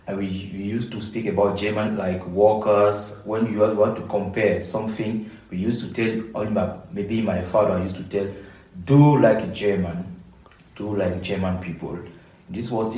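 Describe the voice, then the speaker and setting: A man speaks in a fairly low voice as a podcast guest. He often stops and restarts his words and repeats himself as he answers. The sound carries a noticeable room echo. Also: a little mellow, far from the mic. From Cameroon. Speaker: guest scholar. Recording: echoey room.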